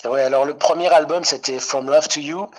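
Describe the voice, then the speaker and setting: A man's voice: fairly high pitch, fairly even intonation, brisk, poor audio. A middle-aged man from Italy, a singer-songwriter guest on a radio interview, speaking hesitantly with many fillers and restarts.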